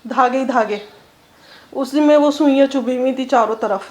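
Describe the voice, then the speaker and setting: High-voiced woman recounting. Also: normal speed. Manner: earnest, detailed storytelling. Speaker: interviewee, homeowner. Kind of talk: personal account in an interview.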